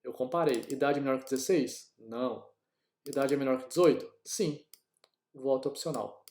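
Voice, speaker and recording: A man's voice: mid-range voice, moderate pace, darkish tone. A man from Brazil teaching a coding lesson, talking casually through each step aloud to his class. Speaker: programming teacher. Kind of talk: screen-recorded coding lesson. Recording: echoey room.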